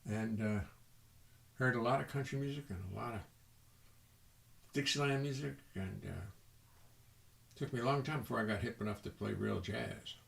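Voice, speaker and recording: Rambling older man with gravelly voice. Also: medium pitch, normal speed, pauses often. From American South. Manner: rambling, self-mocking, sings folksy tunes. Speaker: bassist and singer. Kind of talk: live-stream chat and song. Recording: roomy sound with loud music behind.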